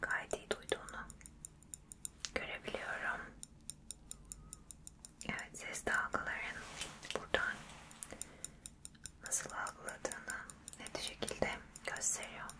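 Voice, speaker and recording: Whispering woman, right in the ear, slow pace, whispered role-play, calm attentive ear doctor, soothing instructions. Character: calm, attentive female ear doctor giving a hearing test. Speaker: ASMR performer playing an ear doctor. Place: small indoor room, close to the microphone.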